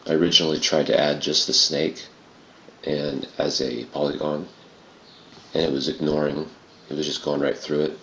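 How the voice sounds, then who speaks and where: Casual male tutorial narrator, very low and throaty with heavy fry, noisy home recording. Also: fairly bright tone. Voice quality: gravelly, throaty. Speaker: tutorial presenter. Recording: muffled, roomy home recording with clear noise.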